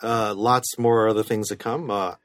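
A man's voice: fairly low pitch, steady tone, moderate pace, a loud crowd. A man co-hosting a casual podcast, rambling playfully. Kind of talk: casual chat.

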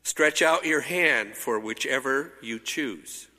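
A man reading scripture aloud as a lector in a slow, measured way, his voice ringing with cathedral echo. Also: mid-range voice, sharp tone. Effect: cathedral echo, long church reverb. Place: large church. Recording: reverberant church hall.

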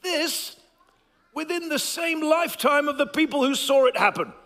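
A man doing a jolly, pompous gentleman detective, his voice very high and sharply bright. He draws out his words theatrically for a church stage skit, in a hall with long reverb. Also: lively intonation, heavily acted. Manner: plummy, theatrical, drawn-out emphasis.

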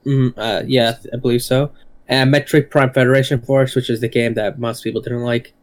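A man co-hosting a gaming podcast, running through news in a hesitant way with many pauses and fillers. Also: mid-range voice, little pitch movement. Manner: hesitant, lots of uh and restarts. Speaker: podcast co-host. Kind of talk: casual gaming podcast chat.

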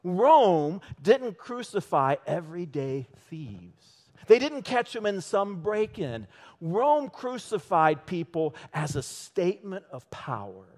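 Animated slow-preaching man. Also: high voice. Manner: animated, rhetorical questions, acts out short voices. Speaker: church elder preaching. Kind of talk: sermon. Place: church.

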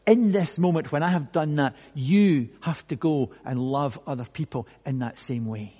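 A male pastor preaching a sermon slowly and emphatically, with dramatic pauses. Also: medium pitch, dark tone, breathy edge. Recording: long hall reverb.

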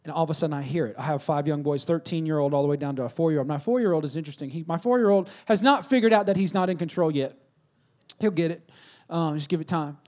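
A man's voice: fairly high pitch, quick pace, darkish tone. A man preaching a sermon, telling family stories in a conversational way and asking the congregation to respond. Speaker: pastor.

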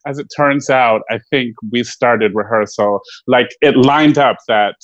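A man's voice: medium pitch, measured pace, no room sound, lo-fi sound. A man, a stage actor and guest, chatting casually and telling stories with frequent laughter. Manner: chatty, laughs often, animated storytelling. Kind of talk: casual interview chat.

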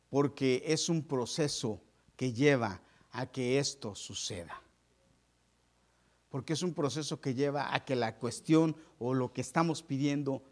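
A man preaching a sermon in an impassioned way, repeating phrases and rising and falling for emphasis. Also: on the high side.

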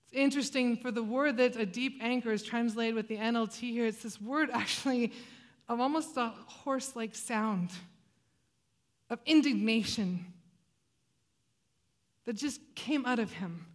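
Expressive woman preaching a sermon. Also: fairly high pitch, unhurried, pauses often. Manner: expressive, dramatic rises and hushed drops. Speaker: pastor.

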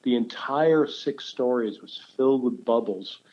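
A man's voice: medium pitch, a little slow, mellow, lo-fi sound, a little hiss or hum. An older man, telling stories in a casual interview, rambling and restarting his sentences often. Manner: rambling, with many restarts and fillers. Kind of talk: casual storytelling.

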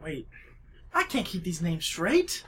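A young man chats with friends, rambling from point to point, his pitch swinging widely as he gets worked up. He laughs often, and there is a faint noise behind him. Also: very animated, slow, fairly bright tone. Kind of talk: casual chat among friends.

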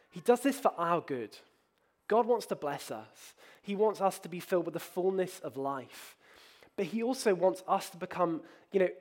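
A man preaching a sermon in a conversational, candid way, with frequent fillers and self-deprecating asides. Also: on the high side. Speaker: pastor.

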